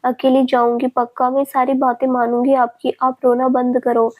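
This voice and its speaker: Brief: woman doing a coaxing young daughter, high and flat-toned, storybook. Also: moderate pace. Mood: pleading.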